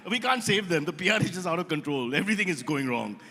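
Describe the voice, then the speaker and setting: Indian male comic host, bright higher voice, teasing live roast banter, echoey hall. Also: animated. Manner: teasing rapid banter with crowd asides. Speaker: comedian host. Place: event hall stage. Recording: reverberant event hall.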